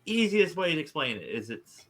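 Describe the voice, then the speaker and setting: A man improvising casual role-play as a tabletop game player, halting and repeating his words. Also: on the high side, big pitch swings, a bit bright.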